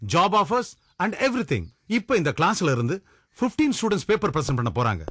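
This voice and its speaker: Lively lecturer, high animated voice, music behind. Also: male voice, husky, dry recording, studio quality, full character voice. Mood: urging. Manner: brisk, addresses a class. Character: energetic male college lecturer. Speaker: college lecturer. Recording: film soundtrack with music.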